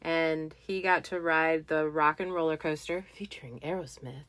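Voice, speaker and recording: A woman hosting a podcast, telling a funny story in a playful, animated way. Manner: playful, animated, jumps into high squeaky voices. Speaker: podcast host. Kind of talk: casual storytelling.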